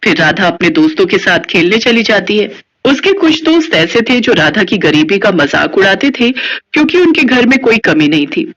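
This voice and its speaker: A woman narrating a scripted children's story with steady storytelling. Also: mid-range voice, normal speed. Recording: dull lo-fi audio.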